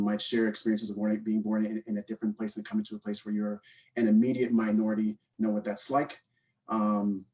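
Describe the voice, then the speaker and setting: Speaking on a panel, this Guyana-born man in his thirties, raised in Canada from the age of eight, co-founded a mentorship program and now talks informally and off the cuff with a Canadian accent, hesitating and often repeating himself. His voice sits fairly low with a darkish tone. The recording is rough, with the microphone placed at a distance.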